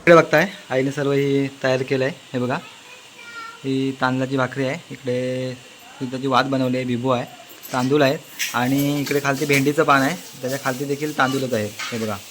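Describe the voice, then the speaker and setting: A man's voice: mid-range voice, level tone, a little fast, fairly bright tone, a little hiss or hum, poor audio. A man from the Konkan coast talking casually to his channel's viewers with hesitant fillers, filming on a phone at his village home. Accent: Konkan Marathi. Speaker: village vlogger. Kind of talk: casual vlog narration. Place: village home and outdoors in rain.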